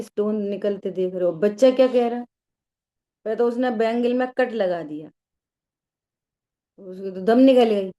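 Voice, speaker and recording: With a warm, medium-pitched voice, a middle-aged woman delivers a discourse on scripture, narrating a story and asking her audience rhetorical questions while performing the voices of those she quotes.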